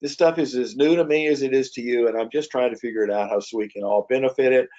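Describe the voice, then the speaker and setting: A man wraps up his webinar in a quick, rambling flow, tripping over his words and restarting often. His voice sits at an everyday middle pitch. The sound is dull and lo-fi. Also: steady tone, darkish tone. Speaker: webinar host. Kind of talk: casual webinar wrap-up.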